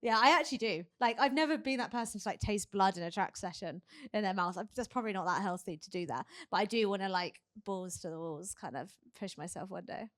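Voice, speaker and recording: A woman's voice: mid-range voice, fast, few pauses, a bit bright. A young woman, a marathon runner, chatting and laughing often with many fillers in a live podcast interview. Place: live event hub.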